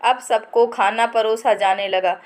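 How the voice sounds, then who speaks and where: Slow-reading woman storyteller. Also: a little high, fairly even intonation. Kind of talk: scripted story narration.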